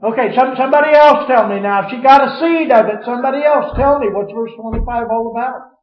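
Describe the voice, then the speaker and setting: A man's voice: very high-pitched, a little fast. A man teaching a Bible study class, quoting scripture and putting questions to the listeners in a preacherly way. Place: church room with a class. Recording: dull, echoey room recording.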